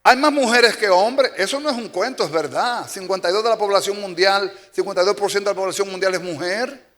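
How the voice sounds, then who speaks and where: A little fast and fairly bright, this man's high voice belongs to a pastor from the Dominican Republic preaching forcefully with a Dominican Spanish accent. He repeats key phrases for effect. The sanctuary recording carries long reverb and faint music.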